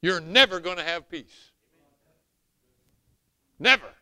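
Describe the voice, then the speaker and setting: A middle-aged or older man with a Southern US accent preaching an animated sermon in an emphatic, folksy way. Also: a little high, moderate pace, clean tone, no room sound, studio quality. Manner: emphatic, folksy, swinging from hushed asides to shouts. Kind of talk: animated sermon with scripture reading.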